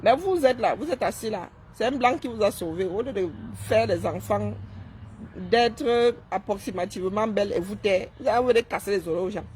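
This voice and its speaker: A woman's voice: medium pitch, normal speed, darkish tone, a little hiss or hum. Sarcastic woman live-streaming. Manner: sarcastic, mocking, keeps asking "hein?". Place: seated indoors.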